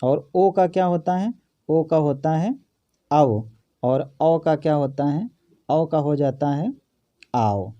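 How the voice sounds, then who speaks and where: Recorded on a phone or camera above a notebook, a man with a fairly high, mellow, dark voice leads an exam-prep grammar lesson. He puts each question to the students, then answers it, going through examples one at a time. He moves slowly with long pauses, and the recording is muffled.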